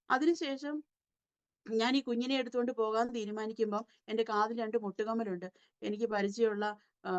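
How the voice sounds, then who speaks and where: A young woman telling her life story in an earnest, halting way with many fillers. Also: a little high. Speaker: guest sharing her testimony. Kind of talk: personal testimony. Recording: dull lo-fi audio.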